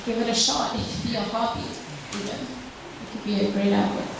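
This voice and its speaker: At a public talk, a drawing teacher from Ukraine takes questions from the audience, her highish voice steady in tone and a little fast, yet hesitant with frequent fillers and restarts. The echoey hall, the distant mic, and background noise color the recording.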